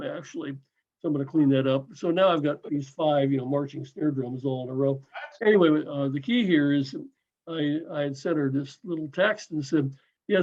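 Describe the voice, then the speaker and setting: A man in his seventies sharing lively anecdotes about drumming on a video call. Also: fairly high pitch. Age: 70s. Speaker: drum corps member. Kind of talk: casual video call chat. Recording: dull lo-fi call audio.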